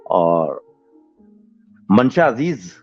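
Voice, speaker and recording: Low-voiced man reading listener comments. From Pakistan. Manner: relaxed, chatty, mixes in English thank-yous. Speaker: podcast host. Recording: dull lo-fi recording with faint music.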